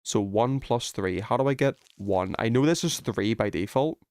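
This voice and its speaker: Live streaming a video game, a man talks casually and reasons out puzzles aloud in an informal way. His mid-range voice is expressive and a little mellow at a moderate pace, recorded with clean studio sound and no room sound.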